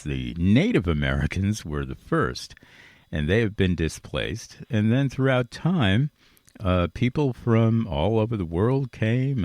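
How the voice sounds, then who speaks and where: With a low-pitched voice and no room sound, a man hosts a radio interview program. He talks earnestly and conversationally, stressing things through repetition as he rambles on positively.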